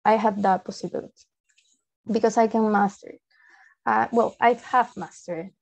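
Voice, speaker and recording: Over dull, lo-fi video call sound, a young Peruvian woman presents online in a relaxed, explanatory way from an indoor room. She is a native Spanish speaker with a Peruvian accent, and her medium-pitched, creaky voice moves at a normal pace with fairly even intonation.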